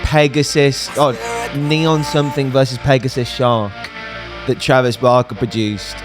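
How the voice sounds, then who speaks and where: A man co-hosting a music reaction video, chatting casually, slangy and quick to laugh. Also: mid-range voice, little pitch movement. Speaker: music reaction channel co-host.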